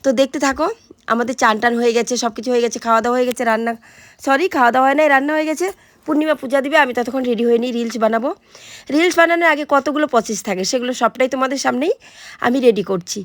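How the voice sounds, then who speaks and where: A hoarse woman chatting to her viewers in a casual home vlog while she gets ready. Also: sits high, very fast, no echo. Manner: chatty, addresses viewers directly. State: hoarse, sore throat. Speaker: vlogger.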